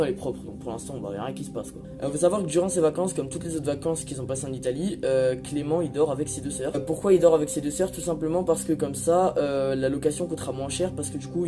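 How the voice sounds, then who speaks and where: Fast-talking masked young Frenchman, music behind. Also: a little high. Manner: colloquial, slangy, hesitant delivery; speaking through a face mask. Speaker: YouTuber host. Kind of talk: casual horror storytelling to camera.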